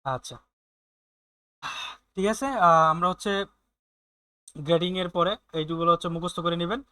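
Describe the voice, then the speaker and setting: A man teaching German in an online class, explaining slowly with many fillers and often checking in with his students. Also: high-pitched, sharp tone, smooth, no room sound.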